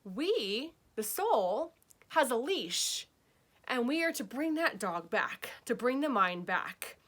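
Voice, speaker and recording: A woman's voice: a little high, big pitch swings, takes it slowly, fairly bright tone. A woman giving a casual spiritual talk as a healing arts teacher, chatty and often checking in with "okay?" and "right?".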